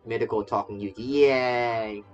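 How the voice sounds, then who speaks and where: A man with a medium-pitched, fairly even voice streams a game at a measured pace, the sound lo-fi. He's a game streamer and VTuber whose casual commentary rambles, often stammering and repeating phrases. Faint game music plays underneath.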